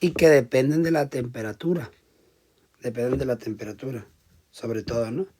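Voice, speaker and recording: A man giving a classroom lecture, explaining step by step and often checking in with the class, his volume swinging between loud emphasis and quiet asides. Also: medium pitch, normal speed, a little hiss or hum. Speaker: teacher.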